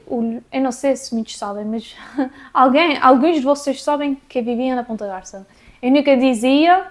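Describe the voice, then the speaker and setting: A young woman with a São Miguel Azorean accent, talking casually to her viewers in a chatty, relaxed way. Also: a little high. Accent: Azorean, São Miguel island. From Azores, Portugal. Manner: chatty and relaxed, with fillers and small laughs. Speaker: vlogger. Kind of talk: casual talk to camera.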